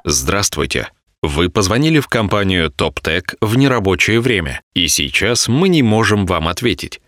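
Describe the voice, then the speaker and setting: A man's voice: on the low side, normal speed. Polite male phone-greeting announcer. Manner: polite, even, formal announcer delivery. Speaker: voice-over artist. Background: background music.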